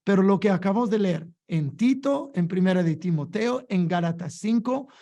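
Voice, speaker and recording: A man's voice: high voice, animated, moderate pace, dark tone. A man preaching a sermon, emphatic and full of rhetorical questions, often repeating his words.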